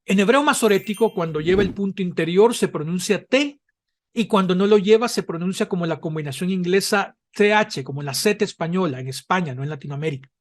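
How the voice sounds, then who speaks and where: A man teaching a Hebrew language class, explaining patiently and often pausing with "eh" or checking in with "¿verdad?". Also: high voice. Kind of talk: online class lecture.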